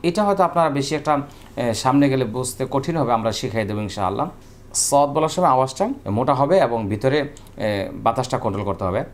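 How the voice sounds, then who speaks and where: A man's voice: medium pitch, expressive, fast. A man teaching Arabic letter pronunciation in a recorded lesson, patiently explaining and drawing out each sound for learners to copy. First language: Bengali. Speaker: Quran teacher.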